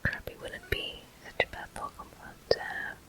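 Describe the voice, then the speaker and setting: Narrating gameplay like a host, a whisperer leads the listener through a video game in ASMR fashion. The sound is breathy, sibilant and very bright, nearly without voiced tone, and the short phrases arrive slowly and deliberately.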